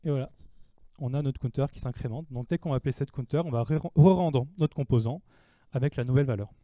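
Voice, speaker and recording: A man's voice: mid-range voice, fast, dark tone, dry recording. A man giving a technical talk at a developer meetup, explaining code step by step and answering his own questions. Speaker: conference speaker. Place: meetup room before an audience.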